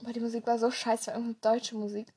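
A woman's voice: fairly high pitch, level tone, fast talker, warm tone, husky. A young woman co-hosting a casual podcast, answering with giggly, bubbly reactions. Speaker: podcast co-host. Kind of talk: casual chat.

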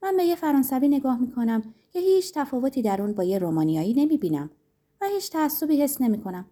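A woman's voice: high-pitched, sing-song, mellow, voice pushed up. A woman voicing a carefree young immigrant woman who teases and argues in a breezy way in a story. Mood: teasing, breezy. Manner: teasing, breezy, argumentative.

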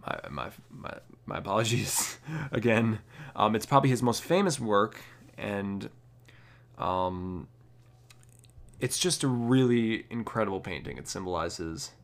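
A young man presenting art history in a casual, halting way, often stopping to correct how he pronounces names. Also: lowish voice. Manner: hesitant, many fillers and restarts, self-correcting pronunciations. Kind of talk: casual educational narration.

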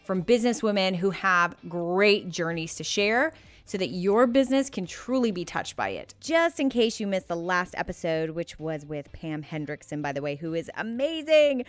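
A woman's voice: fairly low pitch, animated, moderate pace. A North American woman hosting a podcast in an informal, effusive and emphatic conversational way. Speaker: podcast host.

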